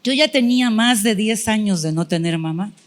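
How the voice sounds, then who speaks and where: A middle-aged woman preaches a testimony with deep feeling, voicing her own past prayers as she tells the story. Her voice sits at a middle pitch. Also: animated, normal speed. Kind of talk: sermon testimony.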